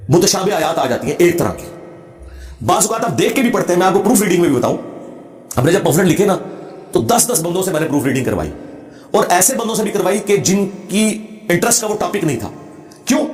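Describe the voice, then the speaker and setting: Male religious lecturer, combative and emphatic, fast delivery, roomy echo. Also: sits high, a little mellow. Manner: emphatic and combative, demonstrates Arabic recitation. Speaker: religious speaker. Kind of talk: lecture answering a question.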